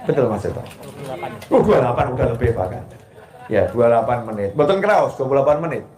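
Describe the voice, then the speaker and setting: A man from Solo with a Javanese accent, preaching a sermon to a live gathering in a lively manner, joking with the audience. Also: medium pitch, fast. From Solo, Central Java. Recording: echoey hall.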